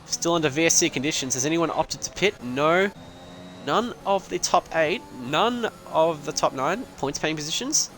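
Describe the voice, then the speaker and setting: A man's voice: on the high side, expressive, normal speed, a bit bright, slight background noise. A young man giving loose, rambling live commentary on an online sim race, joking and swearing as he goes. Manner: casual, rambling, swears and laughs.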